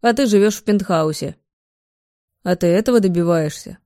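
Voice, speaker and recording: A woman reading the part of a domineering middle-aged father who scolds and shouts at his grown son. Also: fairly low pitch, normal speed, no echo, clean studio sound, natural voice. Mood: mocking.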